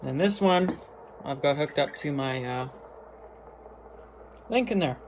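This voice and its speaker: Speaking slowly with lively intonation, a man with a fairly high voice shows off his gear in an informal, slangy, matter-of-fact way. The unscripted tour was shot indoors as a clearly noisy amateur video.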